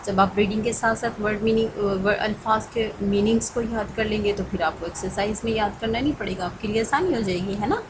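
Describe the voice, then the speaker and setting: A woman's voice: mid-range voice, a little fast, few pauses. A woman school teacher explains a lesson to children patiently, often checking in with them. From Pakistan. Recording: recording with clear background noise.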